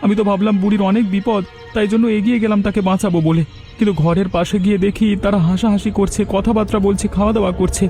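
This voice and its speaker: A poor, desperate villager, played by a man in a cartoon, pleading his innocence. His voice is dark and his speech is quick, with soft music behind him. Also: sits high, fairly even intonation. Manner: pleading and earnest. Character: poor young village man accused of theft. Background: background music.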